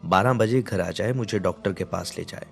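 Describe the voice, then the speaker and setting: A man voicing a gentle, quiet-spoken older aunt. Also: deep voice, normal speed, gravelly, faint music behind.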